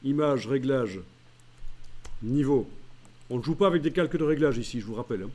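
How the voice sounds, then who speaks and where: A man giving a screen-recorded software tutorial, calling out each menu step aloud with frequent hesitant pauses. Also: medium pitch. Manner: walks through menu steps aloud, many "euh" pauses. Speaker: software trainer.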